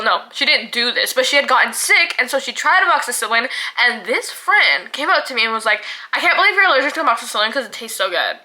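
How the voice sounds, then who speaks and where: A woman's voice: high-pitched, sharp tone, low-quality recording. A young woman reviewing snacks in a casual vlog, chatty and laughing often, filling her talk with "like".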